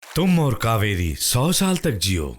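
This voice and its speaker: An actor dubbing a calm old holy man in a film, speaking slowly and gently. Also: medium pitch, a little hiss or hum. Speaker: swami in a dubbed film.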